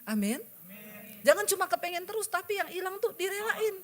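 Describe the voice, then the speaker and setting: A woman pastor with a high, bright voice preaches in a lively storytelling manner. She acts out the dialogue in her story and keeps turning to address the congregation. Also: brisk. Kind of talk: sermon with personal testimony.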